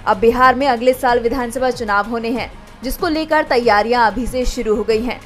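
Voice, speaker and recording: A woman's voice: on the high side, brisk, a bit bright, faint music behind. A woman reporter reading a scripted voice-over for a breaking news report.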